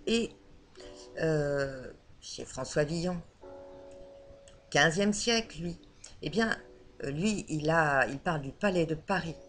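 A woman's voice: deep voice, expressive, slow, pauses often, soft background music. A woman teaching a lesson on Old French, explaining patiently with frequent hesitations.

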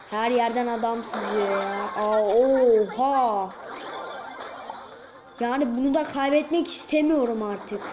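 A woman's voice: fairly high pitch, background noise. A woman giving restless, frustrated play-by-play commentary while gaming, often exclaiming in exasperation. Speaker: gaming video creator. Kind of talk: live gameplay commentary. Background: game music.

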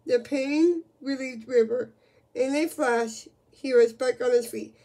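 Slow-reading woman narrating a storybook. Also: sits high, mellow. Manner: slow reading with frequent slips and restarts. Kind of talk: reading a children's book aloud.

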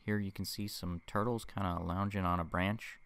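A man's voice: low-pitched, steady tone, moderate pace, a bit bright, clear, resonant tone. A man casually narrating a boat tour voice-over for his travel vlog, chatty and easygoing with self-deprecating asides.

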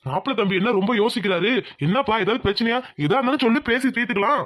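A man's voice: high voice, rapid-fire, fairly bright tone. A voice artist playing a hearty, coaxing father in a cartoon. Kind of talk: Tamil cartoon dubbing.

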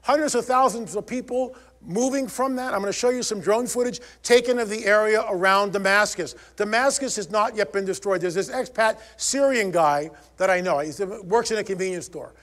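Emphatic high-voiced male speaker. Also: brisk, few pauses, a bit bright. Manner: emphatic, rising to urgent peaks. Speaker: conference speaker. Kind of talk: conference talk. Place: conference hall.

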